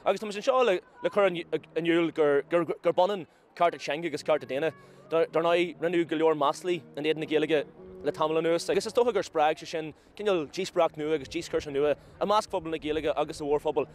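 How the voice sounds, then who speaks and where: Irish guy in a news interview, talks really fast, bit of background noise. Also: on the high side.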